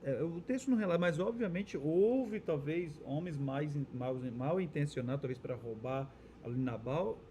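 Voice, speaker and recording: A man's voice: on the high side, expressive, moderate pace, few pauses, warm tone, slight background noise. A Brazilian man co-hosting a Bible study dialogue, agreeing often and adding his own points. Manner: affirming, chimes in with agreement and adds points. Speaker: church co-host.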